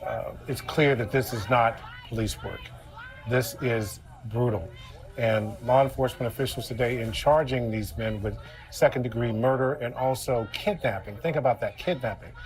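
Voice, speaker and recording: A man's voice: medium pitch, moderate pace, hardly any pauses. An American man giving live analysis as a news correspondent, grave and emphatic in his delivery.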